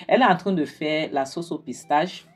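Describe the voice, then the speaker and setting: A woman's voice: deep voice, a little slow, breathy edge, faint music behind. A woman casually recapping a TV series for her viewers. She retells the scenes chattily and quotes the characters with affectionate asides. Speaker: video reviewer recapping a TV series.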